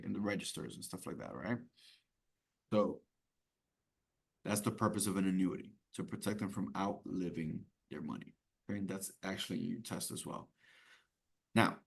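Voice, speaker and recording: A man teaching an exam-prep class in a conversational way, often checking in with "right?" and "okay?" and repeating key points. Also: on the low side. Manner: repeats key points to drive them home. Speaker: instructor.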